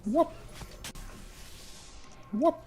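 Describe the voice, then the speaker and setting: A man playing as a teammate, making quick callouts and chatting casually during a match. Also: darkish tone, soft background music. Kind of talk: casual gameplay chat.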